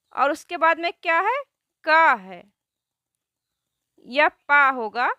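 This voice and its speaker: A woman teaching a grammar lesson who asks questions and answers them herself, spelling out words slowly. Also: high voice, bright, forceful tone, dry recording, clean studio sound.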